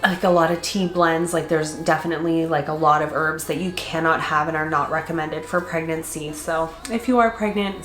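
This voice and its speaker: Stuffed up and congested, a woman vlogs in a casual chat, talking to her camera with frequent laughter. She has a lowish voice for a woman that sounds a bit bright, recorded in a room full of echo.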